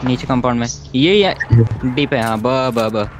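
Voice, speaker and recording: A man's voice: medium pitch, steady tone, a little slow, music in the background. A man leading his squad in a shooter game, giving urgent, repeated commands to teammates. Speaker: squad leader streaming a battle royale game. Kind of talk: live gameplay callouts. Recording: loud gunfire under game audio.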